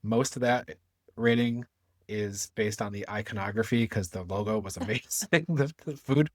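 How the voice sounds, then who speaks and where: A man's voice: fairly low pitch, normal speed, no room sound. Joking male podcast host. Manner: joking, chatty storytelling. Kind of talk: casual podcast chat.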